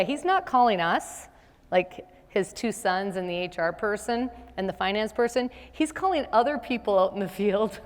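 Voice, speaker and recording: A middle-aged woman presenting a business seminar in a conversational way, often asking the audience rhetorical questions. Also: medium pitch. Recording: long hall reverb.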